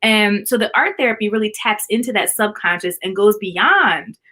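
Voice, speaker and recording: A woman's voice: mid-range voice, expressive, moderate pace, pushed and bright. A woman speaking as an art therapist guest in a casual live-stream chat, explaining earnestly and repeating key points for emphasis.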